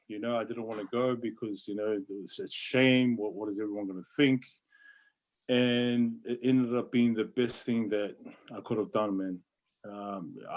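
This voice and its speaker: Male, late 40s, New Zealand accent. Candid, earnest podcast guest, mid-pitched, casual and repetitive for emphasis. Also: darkish tone. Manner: earnest, repeats phrases for emphasis, peppers talk with "bro". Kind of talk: casual, candid personal chat.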